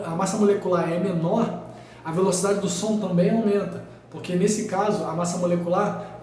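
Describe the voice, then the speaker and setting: A man's voice: sits high, darkish tone, a little hiss or hum. A man with a Brazilian accent teaching a physics exam lesson at a whiteboard, explaining step by step and checking in often with his students. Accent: Brazilian Portuguese. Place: room with a whiteboard. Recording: very echoey room, mic far off.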